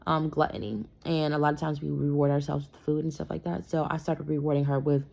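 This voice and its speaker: A woman's voice: deep voice, flat delivery, fairly quick, vocal fry, darkish tone. A young adult woman, a mother, telling a rambling, conversational parenting story with lots of fillers. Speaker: parenting vlogger. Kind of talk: casual storytime monologue.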